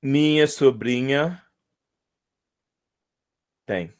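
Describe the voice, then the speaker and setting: A man's voice: medium pitch, extremely slow, clear, resonant tone. Patient Brazilian male math teacher. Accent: Brazilian Portuguese. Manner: patient, repeats points and checks in often with "ok?" and "tá?". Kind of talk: explaining a math lesson to students.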